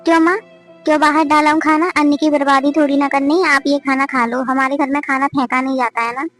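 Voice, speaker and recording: A woman's voice: sits high, little pitch movement, fairly quick, a bit bright, soft background music. A woman voicing a caring, firm young sister-in-law in a cartoon family drama, lecturing her mother.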